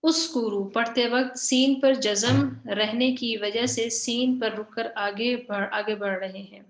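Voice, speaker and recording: A woman's voice: on the high side, steady tone. Echoey, repetitive woman teacher. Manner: repeats points, frequent "theek hai" checks; slow, drawn-out reading of example words. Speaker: Quran grammar teacher. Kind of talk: online lesson explaining slides.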